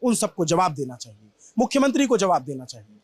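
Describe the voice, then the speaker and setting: A man's voice: high-pitched, big pitch swings, brisk, slightly rough. Impassioned man reporting from the scene. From Prayagraj, India. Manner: impassioned, emphatic, rhetorical. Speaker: field reporter. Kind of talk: on-site news report. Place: at a damaged shop after a crowd crush.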